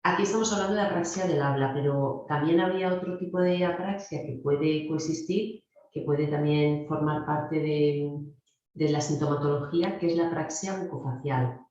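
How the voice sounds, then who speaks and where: Spanish woman, middle-aged, speech therapy lecturer; mellow, explanatory delivery, heavy room echo. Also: low-pitched, moderate pace. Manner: explanatory, addresses students directly. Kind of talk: recorded clinical lecture. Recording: very echoey, dull lo-fi room sound.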